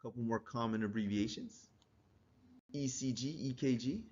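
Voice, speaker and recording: A man's voice: mid-range voice, moderate pace, a little mellow. A male instructor giving a casual classroom lecture, quizzing students and chuckling now and then. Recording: dull lo-fi recording.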